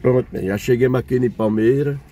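An older man vlogs casually, chatting with viewers and pointing things out as he drives and then walks through an outdoor street market. His mid-range voice is brisk and mellow. There's a little hiss or hum in the recording.

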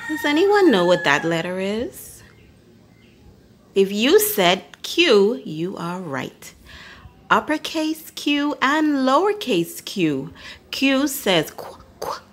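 A woman reading a picture book aloud to young children, taking her time and stopping to ask them questions like a teacher. Her voice is bright and sits a little high. It rises and falls widely with expression. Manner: teacherly, asks listeners questions. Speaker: storyteller.

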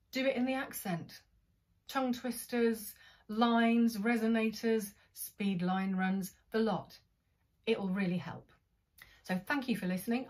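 A woman with an English accent, a drama teacher giving accent tips from home, speaking in a clear, friendly teaching tone with brief demonstrations of accents. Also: medium pitch, darkish tone. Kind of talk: instructional talk to camera.

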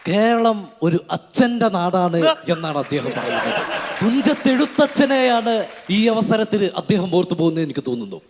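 A man doing a deadpan mock translation of a speech as a stage comedy bit. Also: high voice, moderate pace. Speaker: comic interpreter. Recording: live hall with crowd and noise.

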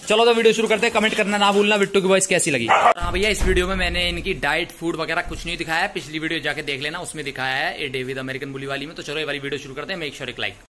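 A man's voice: on the high side, fairly even intonation, rapid-fire, few pauses, heavy background noise. Chatty male pet vlogger. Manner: chatty, addressing viewers directly. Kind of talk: casual vlog chat.

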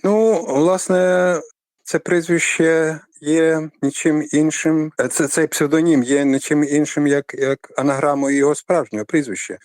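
Measured older male scholar, dry studio. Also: a little high, fairly even intonation, darkish tone, no room sound. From Ukraine. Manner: measured, lecturing, frequent hesitations. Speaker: literary scholar guest. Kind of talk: radio interview.

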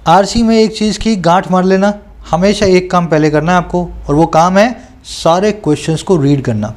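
A man coaching students through an exam paper, reading English questions out slowly and explaining them, often checking that they follow. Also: high voice, darkish tone. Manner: reads English questions aloud slowly, then explains in Hindi.

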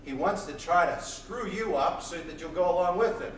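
Fired-up preacher guy, high voice for a man, booming off the walls of a church hall, mic way back. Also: lively intonation, normal speed, a little hiss or hum. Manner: intense and loud, pacing the stage. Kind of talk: sermon. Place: small church hall, indoors. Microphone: far camera, room mic. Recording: echoey church hall from far off.

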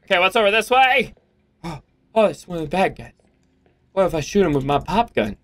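A man's voice: high-pitched, lively intonation, moderate pace. A young man hosting a let's play, rambling goofily through gameplay commentary with jokes and sudden exclamations. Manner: goofy, rambling, jokey self-talk with sudden exclamations.

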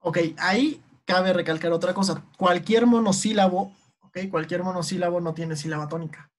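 Her voice on the low side, a Mexican woman leads an online lesson about poetic meter. She takes her time, patiently explaining and frequently pausing for a brief "ok?"

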